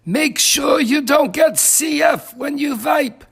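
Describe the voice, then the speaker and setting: A man's voice: extremely high pitch, takes it slowly, gravelly, fairly bright tone, pitched above the performer's own voice, heavily acted. A man voicing a crude, joking old male shopkeeper who speaks with a broken foreign accent. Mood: teasing.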